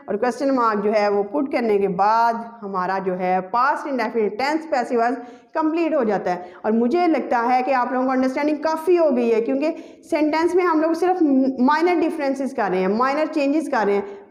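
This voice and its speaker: High-voiced woman teaching grammar, echoey room. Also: a little mellow. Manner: explains step by step, repeats key terms, addresses students directly. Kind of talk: classroom grammar lesson.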